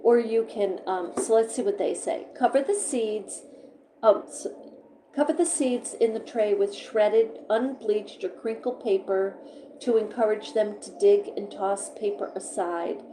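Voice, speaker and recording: A chatty woman talks casually on a live stream about caring for her pet finches, reading notes aloud and wandering off into asides. Her voice sits at an ordinary pitch for a woman. The room is echoey, with a steady hiss underneath. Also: measured pace. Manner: chatty, rambling, reads aloud and comments. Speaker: pet bird vlogger. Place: indoor room beside a birdcage.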